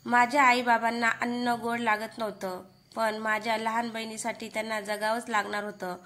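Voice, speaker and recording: Woman doing a stuttering revenge ghost, loud, bright and sharp, flat menacing tone. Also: on the high side, moderate pace. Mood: vengeful. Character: vengeful spirit of a burned young woman possessing a young man.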